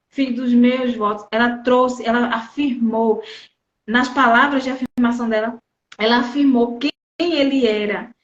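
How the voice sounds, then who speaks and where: A woman with a Brazilian Portuguese accent giving a conversational Bible teaching to women, speaking directly to her listeners. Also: sits high. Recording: dull, roomy recording.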